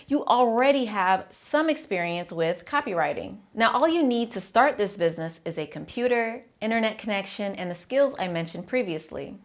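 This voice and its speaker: A woman accountant hosting her channel, giving an upbeat, direct, scripted explainer and speaking straight to the viewer. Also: medium pitch.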